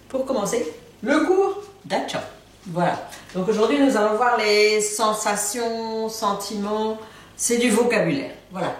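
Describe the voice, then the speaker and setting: A woman's voice: fairly low pitch, slight background noise. A woman teaching a language lesson in a playful way, repeating each word for her learners. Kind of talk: casual video lesson. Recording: very echoey room, far from mic.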